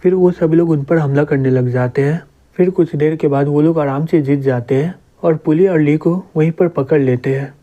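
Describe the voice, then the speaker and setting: A man's voice: a little high, moderate pace. A man narrating a manga story recap, voicing every character himself in a plain storytelling voice. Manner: reads every character in his own plain voice. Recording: dull lo-fi recording.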